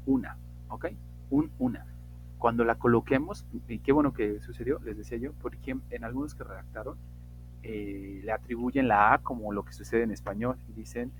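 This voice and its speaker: A man teaching English in an online class, slowly and emphatically modeling example sentences. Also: medium pitch, fairly bright tone, poor audio.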